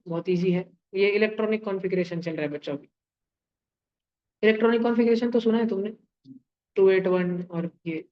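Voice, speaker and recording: A male chemistry teacher explains in a playful, animated way, acting out ideas with sound effects and homely comparisons. He keeps turning to his students with quick questions. The recording is dull and lo-fi. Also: sits high. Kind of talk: live online class lecture.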